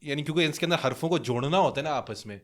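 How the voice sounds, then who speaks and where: A man's voice: on the high side, a bit bright. A young man from Pakistan on a podcast, chatting casually and rambling through a story with many fillers. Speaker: podcast co-host.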